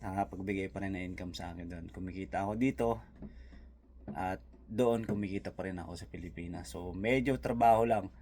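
Chatty Visayan Filipino man with a low voice. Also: a little fast, darkish tone, a little hiss or hum. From Philippines. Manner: rambling, chatty, full of fillers and asides. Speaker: vlogger answering viewer comments. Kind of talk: casual chat. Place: New Zealand.

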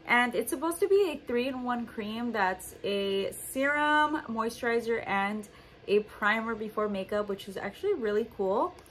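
The recording is rough, with a little hiss or hum, as a twenties-aged lifestyle vlogger chats to the camera around her living room and bedroom. Her voice sits on the high side, a bit bright, with lively intonation and a slightly slow pace, and her upbeat talk is full of "like" and "just."

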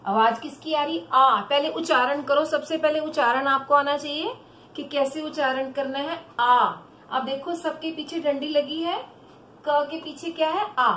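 A woman teacher giving a children's Hindi phonics lesson, drawing syllables out slowly and calling the children "beta". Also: high-pitched, fairly even intonation, a bit bright. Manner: slow, drawn-out syllables for children. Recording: echoey room with faint background noise.

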